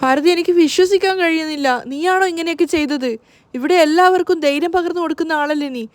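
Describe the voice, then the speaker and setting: A woman voicing a worried young adult brother who gently coaxes his sister and mother. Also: very high voice, fast, pitched above the performer's own voice. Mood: concerned. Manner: gentle, concerned coaxing.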